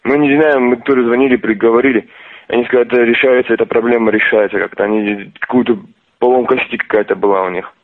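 A man's voice: mid-range voice, steady tone, fast. A man answering a phone call, confused at first, then cursing back angrily. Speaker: call recipient. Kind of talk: phone conversation. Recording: tinny phone line.

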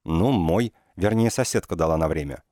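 A man's voice: normal speed, dark tone, no room sound, studio quality, lightly acted. A man voicing a blunt, stubborn young woman who protests in an audiobook. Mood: indignant. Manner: higher, protesting tone.

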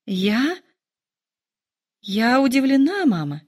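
A woman voicing a gentle, reserved young woman who speaks softly and quietly. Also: a little high, sing-song, slow, voice pushed up, heavily acted. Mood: subdued. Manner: soft, subdued.

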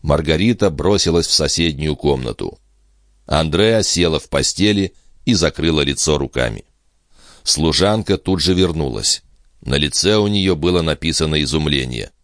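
Brief: male audiobook narrator, low voice, lively dramatic delivery, dry studio sound. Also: moderate pace, dry recording.

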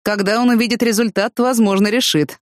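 A matter-of-fact young man speaks in a flat, understated way, voiced by a woman narrator. The reading is close and dry. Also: a little high, fairly quick, dry recording, pitched above the performer's own voice, close to an everyday voice. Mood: hesitant.

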